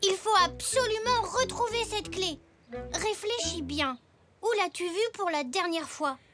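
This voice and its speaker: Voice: very high-pitched, unhurried. A performer playing Zou, an eager and helpful young zebra boy in a French children's cartoon, with a French accent. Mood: concerned, determined. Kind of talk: animated children's cartoon dub. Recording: clear music behind the voice.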